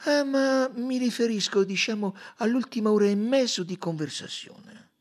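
A man's voice: extremely high pitch, moderate pace, pitched above the performer's own voice. Poirot, a man voicing a fussy detective. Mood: coaxing. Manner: coaxing, insistent questioning. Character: fussy, probing older male detective. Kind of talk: audiobook reading.

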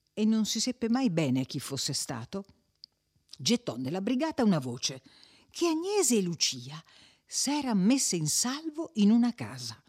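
A reader narrating a classic novel, the voice moving lively up and down. Pacing slows and quickens for suspense, and the delivery stays dramatic throughout. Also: medium pitch. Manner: expressive, varied pacing for suspense.

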